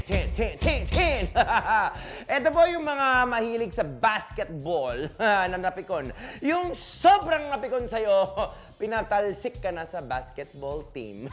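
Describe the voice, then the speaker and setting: An unhurried, sing-song youth show host who laughs between almost every line and teases the viewers while counting down a list. The voice swoops around a lot, and steady music plays underneath. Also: medium pitch. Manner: giggly, teasing, mixes English slang. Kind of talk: playful countdown hosting.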